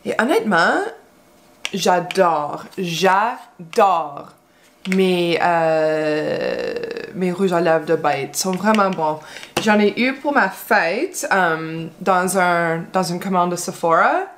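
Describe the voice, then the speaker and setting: A woman's voice: lowish voice, slow, a little hiss or hum. A woman from Quebec whose first language is English, chatting casually while doing her makeup. She talks in a hesitant, rambling way, full of fillers and restarts. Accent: English-speaking Quebec. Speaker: beauty vlogger.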